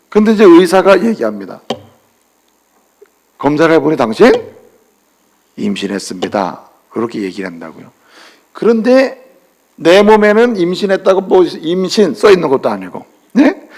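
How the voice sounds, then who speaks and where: A man preaching a sermon as pastor, emphatic and constantly putting rhetorical questions to the congregation. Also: high-pitched.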